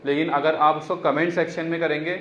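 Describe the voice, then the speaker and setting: A man teaching a spoken English lesson, reading his example sentences slowly and carefully for learners. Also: on the high side, flat delivery, fairly bright tone, echoey room, lo-fi sound, slight background noise.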